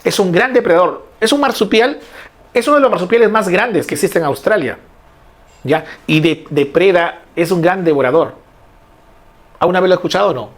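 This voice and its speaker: High-voiced man teaching a lively class. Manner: explains slowly, repeats key words, asks the class questions. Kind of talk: online class lecture.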